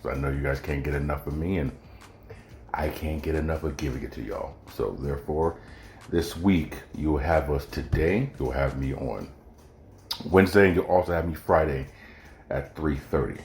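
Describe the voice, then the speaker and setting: He speaks at a normal speed in a rumbling low, slightly mellow voice, chatting and joking straight to the audience of his solo podcast. Slight background noise, room echo and faint music come through.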